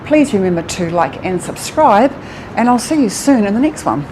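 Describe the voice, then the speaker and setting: A woman's voice: mid-range voice, big pitch swings, moderate pace, over music. A woman with a New Zealand accent, a travel vlogger walking outdoors in a city, exclaiming in wonder between sightseeing facts. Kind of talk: casual travel vlog narration. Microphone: handheld action camera or phone. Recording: noisy outdoor city sound.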